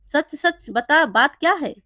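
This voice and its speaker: Brief: jealous, sly village blacksmith man, read by a woman narrator, high and dry voice. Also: lively intonation, a little slow, sharp tone, no echo, full character voice.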